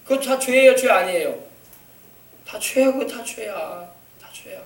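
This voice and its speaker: Pastor addressing kids, lively and questioning; man with very high voice, far from mic. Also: normal speed. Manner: animated, coaxing, asks the children questions. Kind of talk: children's sermon. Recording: echoey church from far off.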